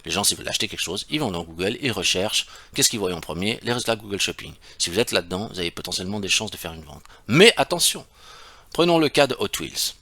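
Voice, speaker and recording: A man's voice: on the low side, sing-song, fast, bright, forceful tone, no room sound. A man, an e-commerce consultant explaining in a casual, emphatic way and asking his viewers rhetorical questions. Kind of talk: screen-share tutorial.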